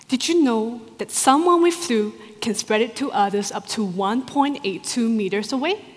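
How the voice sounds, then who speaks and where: A woman doctoral researcher giving a rehearsed competition talk to a live audience in a large hall, expressive and full of rhetorical questions. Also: high-pitched. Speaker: doctoral researcher presenting her thesis. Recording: long hall reverb.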